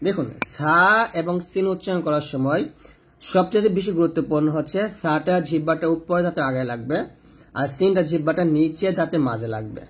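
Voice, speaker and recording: A man teaching Quran reading, slowly repeating letter sounds for drilling. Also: fairly high pitch, slightly rough. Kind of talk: step-by-step recitation lesson.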